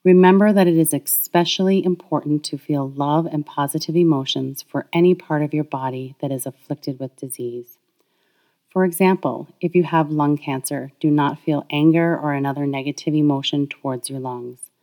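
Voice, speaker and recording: A woman reading a guided healing meditation, speaking slowly and softly in soothing affirmations. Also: low voice. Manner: slow, soft, soothing affirmations.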